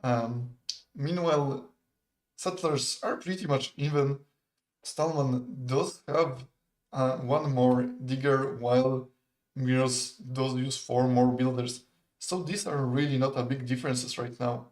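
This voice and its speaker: A Polish esports caster, not a native English speaker, gives live commentary on a strategy game. His mid-range voice moves slowly, and he's relaxed, chatty, analytical, and laughs often.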